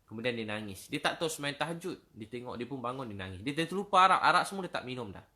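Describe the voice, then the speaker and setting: A middle-aged man with a Malaysian Malay accent giving a sermon, telling stories in lively casual speech and dropping to a soft pleading voice for prayers. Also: mid-range voice. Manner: quotes verses in slow Arabic, then tells stories in lively casual speech; drops to a soft, pleading voice when voicing prayers. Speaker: preacher. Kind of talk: sermon storytelling.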